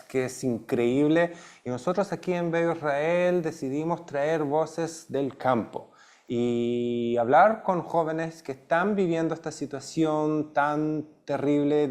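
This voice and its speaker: A man hosts an interview and frames his questions in a halting way. He often breaks off and restarts mid-phrase. His voice sits at an ordinary middle pitch. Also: a little mellow. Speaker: host, interviewer. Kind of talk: interview hosting.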